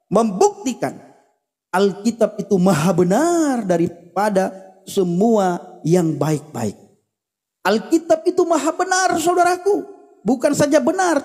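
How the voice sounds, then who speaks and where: A man with a very high voice preaches with fervor on a livestream. He drives his points home through repeated phrases and speaks straight to his listeners. His voice rings with a long, echoing reverb. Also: a little mellow. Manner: emphatic, repetitive preaching cadence addressing the audience directly. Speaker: evangelist livestream host.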